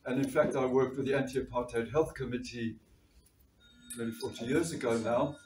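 Here the South African doctor, a man in his sixties on a panel, delivers an earnest meeting talk at normal speed, his medium-pitched voice steady and a little mellow. He reads figures from notes and restarts often. Soft music plays in the background, and the far camera picks up an echoey, bright meeting room where he stands before the panel table.

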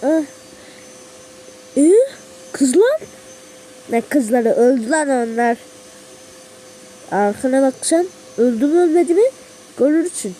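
A woman acting out a homemade toy-figure drama, jumping between squeaky and low voices with frequent gasps. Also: measured pace, long pauses, dark tone, slight background noise, rough recording. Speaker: amateur storyteller voicing all the characters.

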